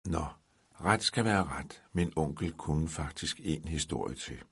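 Very deep husky male storyteller. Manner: calm, dry storytelling. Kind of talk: scripted story reading.

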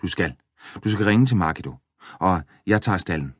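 A man's voice: sits low, lively intonation, slightly rough, dry recording, studio quality. A man reading the part of a practical farm worker who gives firm, urgent instructions. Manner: firm, commanding.

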